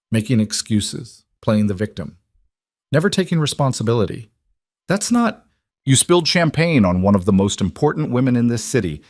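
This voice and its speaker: A man's voice: on the low side, a little mellow, no room sound, studio quality. A man voicing a scheming, spiteful young woman who mocks with false concern, in a dramatized audiobook story. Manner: falsely concerned, mocking, scornful.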